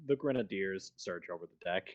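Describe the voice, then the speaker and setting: Animated low-register female game master. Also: brisk, muffled recording, a crowd in the background. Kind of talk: casual tabletop game narration.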